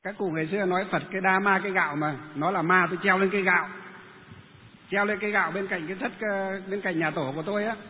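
A man who is a Buddhist monk, telling a story and asking himself questions. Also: high voice. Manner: lively, rhetorical questions. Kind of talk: storytelling talk. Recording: tinny phone-like sound with long reverb and faint noise.

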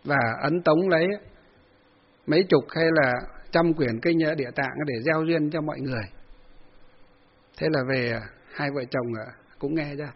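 A man's voice: on the high side, measured pace, husky, dull audio. A man giving a folksy Buddhist sermon, telling a story with many fillers and acted-out quotes. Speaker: Buddhist monk giving a dharma talk.

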